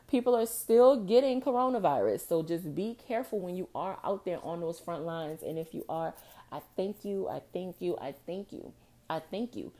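A woman's voice: lowish voice, normal speed, mellow. A young woman hosting her own podcast, venting frustrations in a passionate, profane monologue that runs emotional and close to tears. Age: young adult. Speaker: podcast host.

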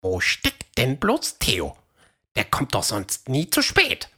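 A woman voicing Fred, a fast, eager male dinosaur runner in a children's audio story, in a high, excited voice. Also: husky, exaggerated voice. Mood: worried.

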